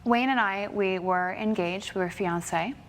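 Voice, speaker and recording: A woman's voice: medium pitch, a little slow, slight background noise. A woman in her thirties testifying as plaintiff in a TV courtroom, insistent and defensive. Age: 30s.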